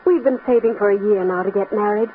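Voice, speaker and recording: An actress playing a practical, persuasive young fiancée with an American accent in an old-time radio drama. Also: female voice, mid-range voice, fast talker, phone-quality sound, lightly acted. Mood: coaxing, persuasive. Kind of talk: mid-century American radio drama acting. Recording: scratchy, band-limited old radio recording with noise.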